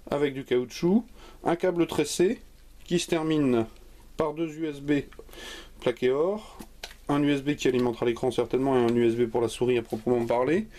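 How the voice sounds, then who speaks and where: A man hosting a hardware video channel, chatting jokily and casually as he unboxes a product live. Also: mid-range voice. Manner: jokey, lively, chatty. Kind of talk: unscripted unboxing commentary.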